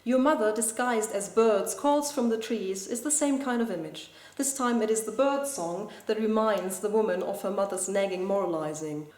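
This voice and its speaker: Inside a school building, in a room with noticeable echo, a woman who makes videos gives a scripted close reading of a poem. Her mid-range voice stays calm, measured, and explanatory throughout.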